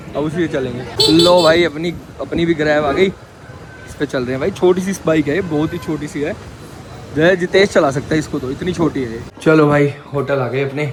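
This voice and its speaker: A young man chatting to his viewers in a travel vlog, filmed on a handheld camera. His voice sits a little high for a man, and he tells the story with lively energy, turning to the viewers again and again. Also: background noise. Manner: animated storytelling, addresses viewers as guys. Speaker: travel vlogger. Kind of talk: casual travel vlog chat.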